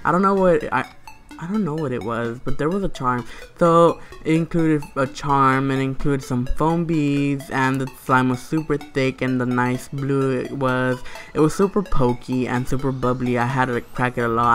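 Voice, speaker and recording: A man's voice: mid-range voice, steady tone, moderate pace, fairly bright tone, faint music behind. A man giving a casual, gushing voice-over product review, peppering it with "like", "super" and "you guys". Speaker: slime shop reviewer, video host.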